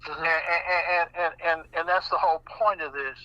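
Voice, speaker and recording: A man with an American accent talking casually on a radio show, animated and often repeating words as he restarts. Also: on the high side, moderate pace, no echo. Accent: American English. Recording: muffled radio broadcast.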